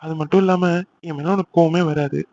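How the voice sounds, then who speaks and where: Guy doing a playful teasing young husband, cartoon, rattles along fast, muffled audio. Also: fairly high pitch, fairly even intonation, warm tone, a little hiss or hum, close to an everyday voice. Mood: coaxing. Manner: teasing, coaxing. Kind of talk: cartoon voice acting.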